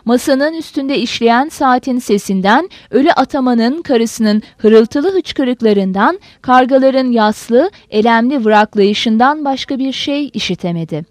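A woman narrating a novel as an audiobook in an expressive, dramatic reading. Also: on the high side, a little slow, hardly any pauses, no room sound.

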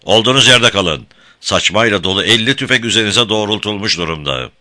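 A man voicing a commanding male leader who calls out loud orders from an ambush in an audiobook reading. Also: low-pitched, animated, fast talker, heavily acted. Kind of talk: audiobook character voice.

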